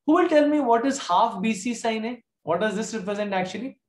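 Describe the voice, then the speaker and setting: A man's voice: high-pitched, animated, brisk. A man with a South Indian accent teaching a live online maths lesson, informally questioning students and calling on them by name. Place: indoor room, online class from a computer. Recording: echoey room.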